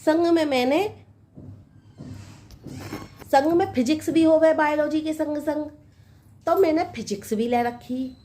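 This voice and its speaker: A woman's voice: high voice, a little slow, pauses often, dark tone, a little hiss or hum. A woman voicing a young, uneducated village daughter-in-law with simple rustic speech, coaxing and naive, in a comic sketch. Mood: explaining.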